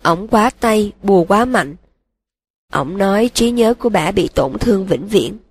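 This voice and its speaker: A broken young male dark wizard, read by a woman, confesses in a flat, emotionless monotone. The voice sounds husky and breathy. He sits at a middle pitch in a storybook audiobook. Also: measured pace, dry recording. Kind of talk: audiobook reading.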